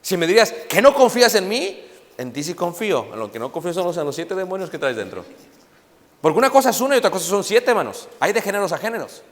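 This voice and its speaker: A middle-aged male preacher delivers a sermon with emphatic insistence, turning again and again to his listeners. His voice sits fairly high for a man. It rings out with a long echo through a big church hall. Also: big pitch swings, fast. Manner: emphatic, repeatedly addressing the congregation. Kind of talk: Spanish-language sermon.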